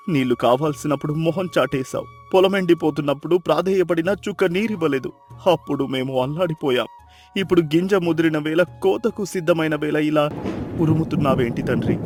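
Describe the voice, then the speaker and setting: A man's voice: on the high side, a little mellow, close to an everyday voice. Man playing a desperate, pleading poor farmer. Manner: pleading, anguished. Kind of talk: storybook voice acting.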